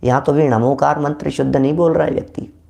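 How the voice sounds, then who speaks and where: A man giving a religious discourse, reciting verses slowly and repeating key words for emphasis. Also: on the high side, fairly even intonation, creaky, darkish tone. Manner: slow, deliberate recitation of Sanskrit and Prakrit verses. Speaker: Jain scripture teacher.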